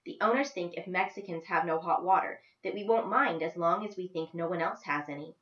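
A woman voicing a sharp-tongued, defiant teenage girl with a mocking, biting way of talking, read aloud from a book. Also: on the low side, brisk, reverberant, muffled recording, natural voice. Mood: lecturing.

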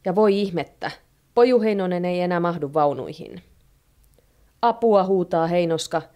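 A woman narrating a storybook with a steady, plain reading. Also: fairly low pitch.

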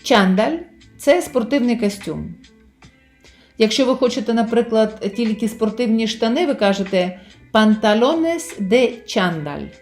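A woman teaching Spanish to Ukrainian listeners in a patient way. She calls her listeners friends and slows down on each example word. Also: on the high side, a little mellow, soft background music. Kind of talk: vocabulary lesson with slow spoken examples.

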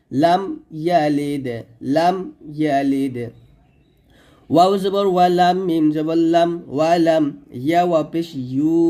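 Male recitation teacher with a Bangladeshi Bengali accent, slightly high voice, mellow tone, unhurried and drilling each sound. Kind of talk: slow spelled-out pronunciation lesson.

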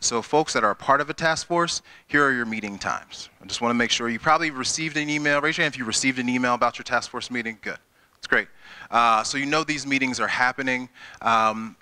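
A man in his thirties with a Midwestern American accent addresses a town hall crowd in a school auditorium through a handheld microphone. His voice is bright and forceful, and the sound is dry and close despite the large room. He talks loosely, with frequent fillers and restarts. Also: mid-range voice. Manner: conversational, many filler words and restarts. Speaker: school district chief executive. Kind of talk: presenting at a town hall meeting. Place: school auditorium with a seated audience.

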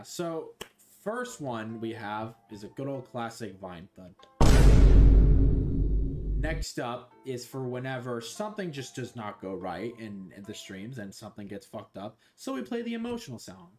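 Over music, a young man with a medium-pitched, expressive voice talks at normal speed. He is a young adult streaming a game in his small bedroom on a headset, loosely chatting with viewers, making jokes and swearing a lot as he talks to chat.

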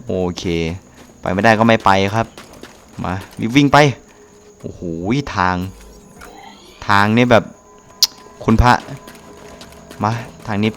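A man giving casual let's-play commentary, excitable, with quick exclamations and playful jokes. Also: lowish voice, faint music behind. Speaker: gameplay commentator.

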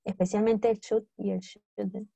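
A woman's voice: medium pitch, level tone, measured pace, gravelly, dark tone, slightly rough, no room sound. Coaxing woman English teacher. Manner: questioning, coaxing, repetitive. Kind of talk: classroom lesson explanation.

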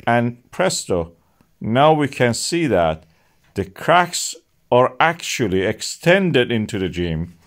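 A middle-aged man narrating a science explainer as channel host, with non-native phrasing and emphatic rises on key words. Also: medium pitch.

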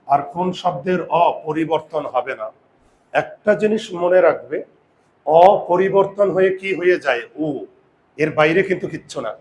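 A man teaching a grammar lesson who sounds out vowels slowly, repeats words and asks his students questions. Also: high-pitched, a little mellow, muffled recording, slight background noise. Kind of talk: classroom lesson.

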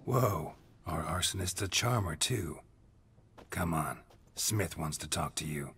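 A stoic monster hunter for a video game, his voice extremely deep and full of gravel. He speaks in short, dry, unhurried phrases, as if nothing surprises him. The faint ambience of a game world lies under him. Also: expressive, a bit bright, a little hiss or hum, exaggerated voice. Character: grim stoic male monster hunter, middle-aged. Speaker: witcher protagonist.

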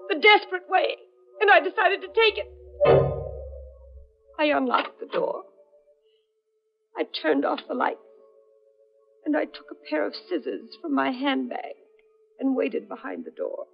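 A hunted heroine on old AM radio. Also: female voice, sits high, sing-song, a little slow, vocal fry, pauses often, heavily acted. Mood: tense. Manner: tense first-person storytelling. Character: woman narrator, hunted and desperate. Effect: old AM radio broadcast sound. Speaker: narrator. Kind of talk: 1940s radio acting. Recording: muffled 1940s AM radio broadcast with faint music.

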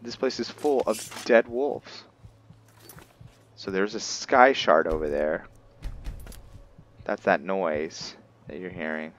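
This gaming video host speaks low and slowly, leaving long pauses as he thinks aloud and muses during play. His casual roleplay commentary runs over game music.

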